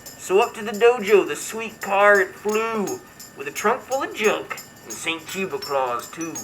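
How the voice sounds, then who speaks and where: A performer playing a comedy show host character voices a brash, crude martial arts buddy, reading comic verse in a theatrical, mock-dramatic, irreverent storytelling style. The medium-pitched voice is expressive, measured in pace and fairly bright, heard with music behind it in poor audio.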